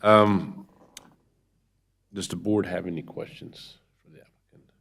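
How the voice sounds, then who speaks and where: Man, deep-pitched voice, board chair, procedural delivery, informal asides. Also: fairly even intonation, a little slow, creaky, fairly bright tone, slightly rough. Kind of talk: formal meeting procedure. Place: public meeting room.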